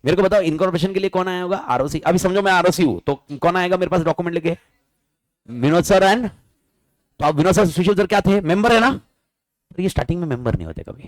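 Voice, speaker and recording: A male teacher lectures a class in a bantering way, putting questions to the students all the time. His pitch swings widely and a little high. The sound is dry and close. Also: dry recording, rough recording.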